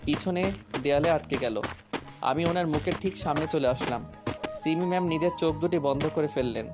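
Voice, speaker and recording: A man's voice: on the high side, a little fast. A man narrating a first-person romantic story in a playful, cheeky way. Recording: loud background music.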